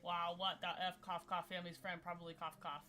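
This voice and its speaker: A young woman co-hosting a chat stream with her sister, goofy and bubbly with loud bursts. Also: fairly low pitch, level tone, fairly quick. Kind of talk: casual chat on a crafting stream.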